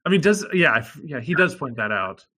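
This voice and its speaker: A man's voice: on the high side, big pitch swings, a little fast, sharp tone. A man in casual chat about a show, rambling with lots of fillers and casual swearing.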